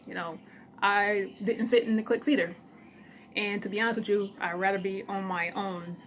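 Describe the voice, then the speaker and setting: A woman's voice: mid-range voice, fairly bright tone, a little hiss or hum, rough recording. A woman talking casually to her camera at home, blunt and encouraging, sometimes eating between sentences. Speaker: vlogger.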